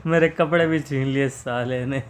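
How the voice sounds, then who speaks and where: A man's voice: medium pitch, steady tone, normal speed, lightly acted. A man voicing a beaten young male thug who whines and complains, in a story recap. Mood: whining. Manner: whiny complaining.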